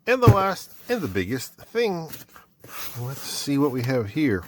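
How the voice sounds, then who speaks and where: Against a noisy background, a middle-aged man from Canada with a lowish voice casually unboxes his mail. He tries out each item, thinking aloud in this relaxed vlog chat.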